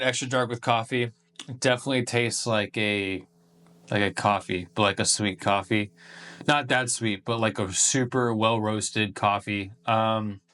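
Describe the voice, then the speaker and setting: A man's voice: mid-range voice, pushed and bright. A man hosting a casual beer-tasting review video, talking in a laid-back, profane, slangy way.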